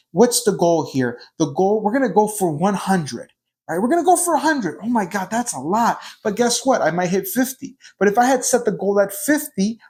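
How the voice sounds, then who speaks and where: A man in his thirties hosting a solo motivational podcast, earnest and repetitive, firing off rhetorical questions to his listeners. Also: high-pitched. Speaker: podcast host.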